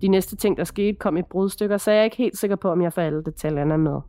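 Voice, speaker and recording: A woman podcast host reading a first-person horror account in a measured, dramatic storytelling manner. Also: on the low side, warm tone, soft background music.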